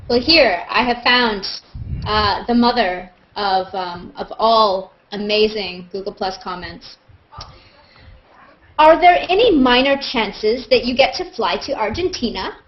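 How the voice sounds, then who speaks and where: An actress hosts an online group video call, chatting casually and informally and reading comments aloud with animation. Her mid-range voice keeps a measured pace, and the video-call audio sounds dull and lo-fi.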